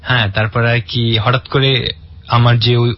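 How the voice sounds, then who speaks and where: A young man from Barishal, Bangladesh, appears as a guest, casually telling a long personal story full of fillers and restarts. His voice is medium-pitched with little pitch movement and a slightly slow pace, recorded with no echo and dull audio.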